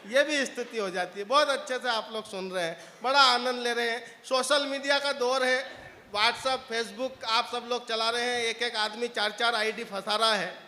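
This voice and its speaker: A man working a live crowd as a comic stage poet, high-pitched and bright in tone, trading jokes and acted dialogue with the crowd. His voice rings out with a long hall reverb behind it. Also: fairly even intonation, normal speed. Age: adult, father of a young child. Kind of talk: comic poetry stage performance.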